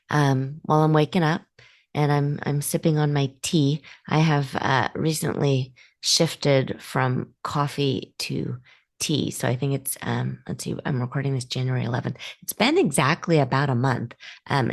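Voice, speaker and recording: Podcast host, woman, low voice with some vocal fry, chatty motivational coaching, lots of ums. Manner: chatty, encouraging, with many ums and restarts. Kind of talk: casual motivational talk to listeners.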